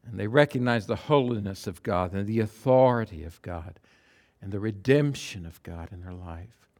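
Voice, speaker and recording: A man preaching a sermon, reading scripture and swinging from loud, fervent emphasis to hushed near-whispers, repeating phrases for effect. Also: lowish voice, moderate pace.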